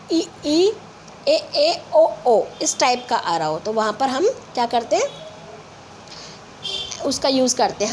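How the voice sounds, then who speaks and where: A woman teacher with an Indian English accent and a high voice. She explains patiently, repeats sounds one by one, and draws out her example sentences. A faint hiss sits under the recording. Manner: reads example sentences slowly and drawn out. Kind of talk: grammar lesson for school children.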